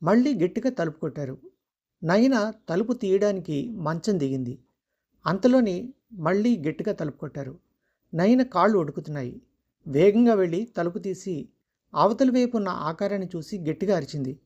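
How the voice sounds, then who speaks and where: Measured storyteller on a dull recording. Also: mid-range voice, expressive, dark tone. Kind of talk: scripted story narration.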